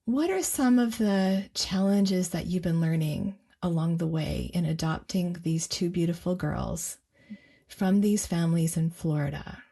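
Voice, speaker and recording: A woman hosting a podcast, asking gentle, reflective questions. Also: fairly low pitch, a little slow, breathy edge. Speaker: podcast host. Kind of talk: interviewer conversation.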